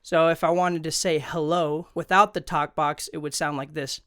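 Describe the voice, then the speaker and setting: A man with a fairly high, fairly bright voice talks at a moderate pace and a level tone, with no room sound. As the host of a tutorial video, he explains things casually into a close studio condenser microphone.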